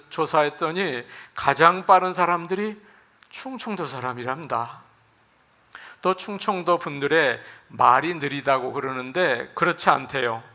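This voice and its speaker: A man's voice: a little high, bright, forceful tone. A man preaching a Sunday sermon as pastor, folksy, acting out dialect lines. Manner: folksy, acts out regional dialect lines for humor. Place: church sanctuary.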